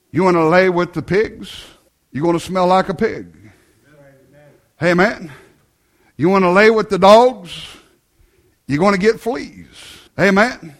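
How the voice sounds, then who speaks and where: A man preaching a fiery sermon, filling pauses with "uh" and "amen" and rising to shouts. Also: high voice.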